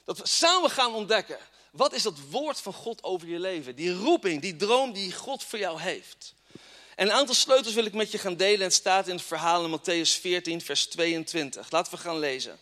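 A man's voice: high voice, animated, moderate pace, bright, forceful tone. A man preaching a fervent sermon in a church and reading scripture with strong emphasis. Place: church hall with congregation. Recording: long reverb of a church hall.

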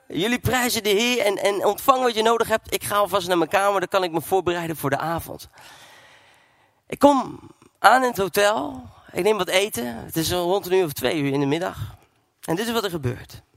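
A man from the Netherlands preaching a testimony sermon, telling a story with acted dialogue and moving between hushed and loud passages. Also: on the high side, gravelly, no echo, clean studio sound.

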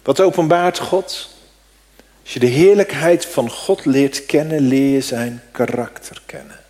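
A middle-aged man preaching a sermon, moving between loud emphatic declarations and hushed, near-whispered prayer. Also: mid-range voice, a little slow. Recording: long hall reverb.

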